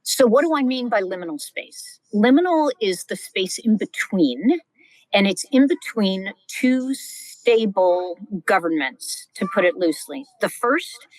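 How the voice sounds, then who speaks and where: Animated middle-aged woman scholar, dry sound. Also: mid-range voice, measured pace, no room sound, low-quality recording. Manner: animated, vivid storyteller, exclaims often. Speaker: guest Old Testament scholar. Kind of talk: podcast interview, teaching.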